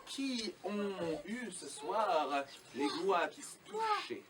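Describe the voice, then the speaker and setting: A man's voice: sits high, huge pitch swings, drawn-out words, a loud crowd. A man performing as a children's party magician, playful and theatrical, coaxing young spectators with questions and instructions. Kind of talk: live magic show for children. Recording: distant live recording, children's audience audible. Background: audience of children.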